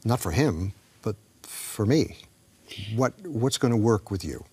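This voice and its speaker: A man's voice: on the low side, lively intonation, unhurried, a little mellow, husky, no echo. A man, an actor, talking reflectively in an interview and telling a story with acted-out dialogue, sometimes dropping to a whisper.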